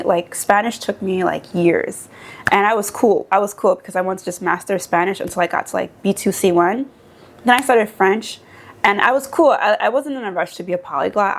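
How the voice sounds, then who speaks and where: A young woman from the United States talking casually and animatedly in a vlog, with many fillers. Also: medium pitch. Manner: animated, chatty, lots of fillers. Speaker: vlogger. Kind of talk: casual chat.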